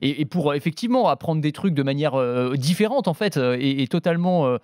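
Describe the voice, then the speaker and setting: A man speaking as a guest tech journalist, excited but hesitant and full of fillers. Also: on the high side, quick pace, no echo, clean studio sound. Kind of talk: studio discussion.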